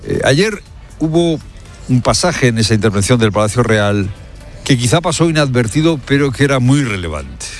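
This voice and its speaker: A male radio commentator covers the news live in a mid-range, sing-song voice at normal speed, pressing his points hard and firing rhetorical questions at listeners. Hesitant fillers interrupt his sentences from time to time. Faint music plays in the background.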